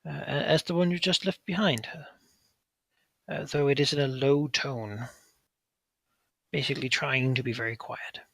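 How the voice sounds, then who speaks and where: A man running a tabletop role-playing game as game master, improvising his narration and halting as he searches for words. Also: medium pitch, fairly even intonation, vocal fry, dry recording.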